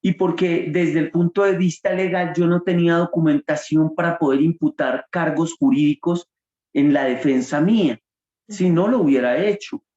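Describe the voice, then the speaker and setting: A man's voice: fairly high pitch, normal speed, darkish tone. A man with a Colombian accent gives an earnest preaching testimony, acting out the dialogue he quotes. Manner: earnest storyteller, acts out quoted dialogue with God. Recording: roomy, dull lo-fi sound.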